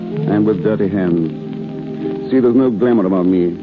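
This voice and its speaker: A man's voice: on the low side, normal speed, close to an everyday voice. An actor playing a modest, ordinary working man in love, in 1930s radio acting style. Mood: affectionate. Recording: tinny 1930s radio recording, music behind.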